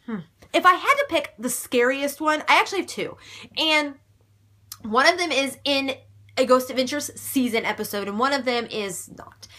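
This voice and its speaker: A young woman hosts a casual fan video, taking viewer questions one by one. She talks in a chatty, emphatic way, gushing and now and then swearing. Her voice sits a little high and sounds bright and sharp. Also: expressive, moderate pace. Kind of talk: casual chat.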